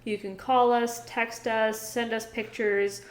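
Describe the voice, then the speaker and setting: Woman, podcast co-host, casual teasing chat, brisk plugs, roomy echo. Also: on the high side, flat delivery. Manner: laughing, teasing, quick plugs. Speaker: podcast co-host, dog trainer and business owner. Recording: roomy, echoey room.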